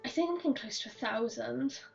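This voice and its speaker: A hoarse woman with a fairly high voice rambles happily through a game stream, laughing as she goes. She sits a little back from a dull-sounding mic, with soft game music under her talk. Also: a little fast. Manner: chatty, rambling, laughs often. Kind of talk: casual chat while gaming. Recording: dull, slightly distant mic.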